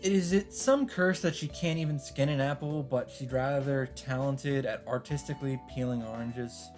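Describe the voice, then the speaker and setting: Game music runs behind this man as he reads a visual novel aloud and chats casually in the style of a let's-play host. His voice sits at medium pitch with a darkish tone, and he speaks at a normal speed.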